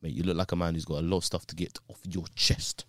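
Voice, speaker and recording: A man hosting a casual football podcast, lively and slangy, quick to laugh. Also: deep voice, no echo, clean studio sound. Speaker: podcast host.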